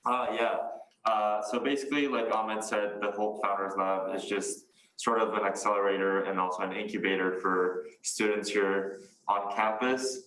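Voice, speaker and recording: Man, from Mexico, student, low voice, calm, fillers, echoey. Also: moderate pace, slight background noise. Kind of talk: casual chat. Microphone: video call. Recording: echoey room.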